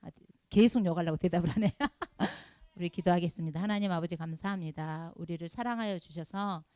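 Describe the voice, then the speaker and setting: A woman's voice: fairly low pitch, fairly quick, mellow, dry recording. A middle-aged woman leading a children's Sunday school sermon, emphatic and scolding, asking the class rhetorical questions. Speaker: Sunday school department head preaching.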